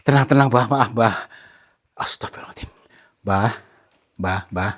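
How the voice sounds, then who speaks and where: A man hosting a ghost-hunting vlog who politely coaxes and soothes unseen spirits, often hushed. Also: fairly low pitch, measured pace. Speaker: paranormal explorer host.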